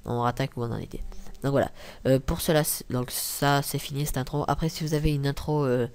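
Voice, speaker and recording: A young man talking through a casual software tutorial, rambling with many fillers and self-corrections, muttering asides and apologizing for swearing. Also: mid-range voice, fairly even intonation, a little fast, smooth. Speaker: tutorial maker. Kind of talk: casual screen-recording tutorial.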